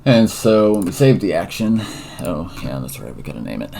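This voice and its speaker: A man's voice: deep voice, very animated, moderate pace, gravelly, warm tone, slight background noise. A tired man thinking aloud with many fillers as he walks through a coding tutorial, a yawn never far off. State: tired and yawning. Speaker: tutorial presenter. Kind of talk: casual screen-recorded coding tutorial.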